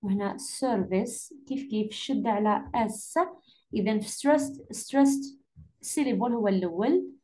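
A woman with an Algerian Arabic accent correcting an English exam for her students, patiently repeating key words slowly. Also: medium pitch, warm tone. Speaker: English teacher.

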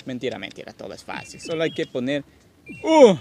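Man, tipsy, slightly high pitch, rambling gameplay commentary, crude jokes, faint background noise. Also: huge pitch swings, a little fast, warm tone. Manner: rambling, crude joking, repeats himself. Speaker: gaming video host.

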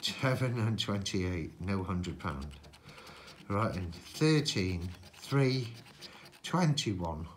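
A middle-aged man hosting a scratch card channel chats casually indoors at a tabletop as he scratches cards, calling out numbers one by one like a bingo caller. His low-pitched voice is expressive and very slow, with a little hiss or hum.

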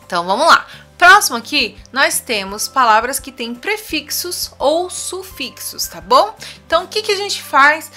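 A woman's voice: sits high, animated, moderate pace, pushed and bright, faint music behind. A woman with a Brazilian Portuguese accent teaching an online English lesson, explaining patiently and often checking in with the viewer. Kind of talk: online tutorial explaining rules.

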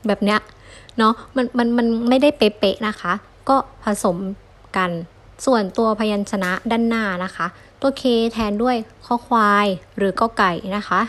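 A young woman giving a friendly online lesson, patiently sounding out syllables one at a time for learners. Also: fairly high pitch. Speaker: Japanese language teacher.

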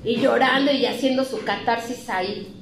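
A middle-aged woman with a Mexican accent, talking to a recovery group with a blunt, profane honesty. Her voice sits high, and the room around her rings with echo. She tells her story openly and with feeling. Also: moderate pace, background noise. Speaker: psychologist speaking at a recovery clinic. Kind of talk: candid testimony talk to a recovery group. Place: meeting room at a rehab clinic.

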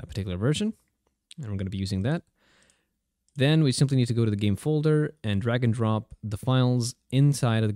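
A man hosts a casual how-to tutorial. His voice sits on the low side and is recorded very dry, close to the microphone. He talks conversationally, feeling his way through the steps with some hesitation. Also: a little mellow, no echo. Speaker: tutorial host.

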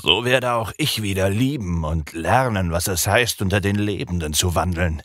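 A man reading an audiobook, voicing a cruel ancient male vampire count who roars in anger and broods softly when calm. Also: medium pitch, normal speed, no echo, studio quality, pitched above the performer's own voice. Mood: soft longing. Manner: roaring and commanding when angry, soft and brooding when calm.

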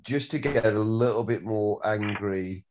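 Low-voiced Northern director giving notes. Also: male voice, measured pace, background noise. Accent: Northern English. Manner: rambling, repeats words, swears casually. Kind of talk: giving notes at a script read.

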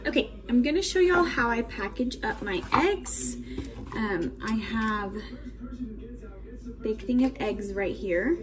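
A woman's voice: a little high, expressive, slow, crowd noise. A young woman, chatting casually on a homestead vlog and talking to her chickens, filmed on a phone at arm's length. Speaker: homestead vlogger. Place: backyard chicken run outdoors and home kitchen. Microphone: phone held at arm's length. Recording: outdoor noise with clucking chickens. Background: chickens clucking and roosters crowing.

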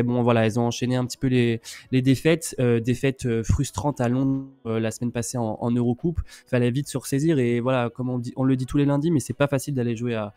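A man's voice: mid-range voice, mellow, smooth, no echo. A man co-hosting a casual streamed sports talk show, recapping games with lots of fillers and restarts as he reels off stats. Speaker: co-host of a women's basketball talk show.

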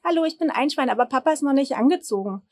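A woman's voice: high voice, expressive, fast talker, darkish tone. A woman voicing a cheerful little magical pig in a read-aloud children's story. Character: cheerful little pink piglet creature.

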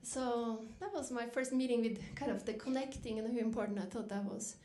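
A middle-aged Norwegian woman gives a reflective, story-driven keynote at a dinner, speaking briskly in a fairly high voice with a dark tone. When she quotes herself, she lifts her voice.

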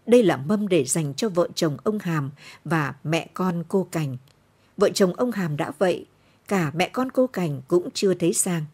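A woman narrating a novel for late-night radio in a steady, measured storytelling manner. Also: on the low side, slightly rough.

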